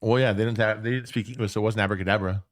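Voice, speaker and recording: A man's voice: lowish voice, steady tone, racing, dry recording, studio quality. A man co-hosting a podcast in casual chat, rambling and swearing, often restarting his sentences. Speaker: podcast co-host.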